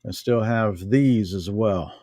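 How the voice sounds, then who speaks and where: Relaxed and thinking aloud, a middle-aged American vlogger handles things at home for a casual show-and-tell. He has a fairly low, warm voice, recorded at studio quality with no echo.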